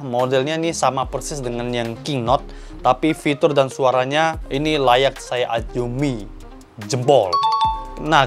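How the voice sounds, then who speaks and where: A man giving an enthusiastic, explanatory product review as a shop owner, talking to viewers. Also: medium pitch.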